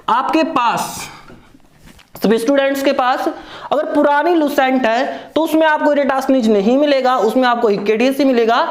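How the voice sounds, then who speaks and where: A woman's voice: sits high, reverberant. A woman teaching an online lesson, who asks questions and answers them herself and repeats key points. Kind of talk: online lecture.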